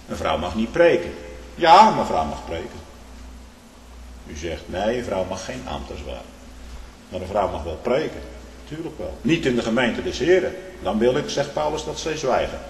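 A man preaching a fervent sermon, emphatic and full of rhetorical asides, swinging between hushed and loud. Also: on the low side, animated, fairly quick. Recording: echoey hall with faint background noise.

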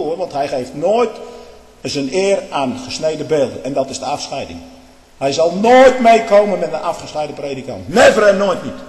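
Fiery preacher man in an echoey hall. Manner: fiery and emphatic, swings from loud outbursts to low muttering. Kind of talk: impassioned sermon-style monologue. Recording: echoey hall with long reverb.

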